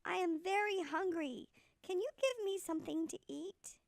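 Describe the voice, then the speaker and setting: Storybook trickster, hungry young man, woman performer: coaxing, high, creaky. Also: moderate pace, no echo, studio quality. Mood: pleading. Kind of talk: storybook character voice.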